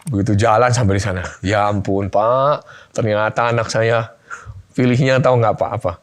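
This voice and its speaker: Low-voiced man telling lively family stories. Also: normal speed. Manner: animated storyteller, acts out family dialogue. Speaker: guest speaker on family life. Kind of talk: casual talk-show conversation.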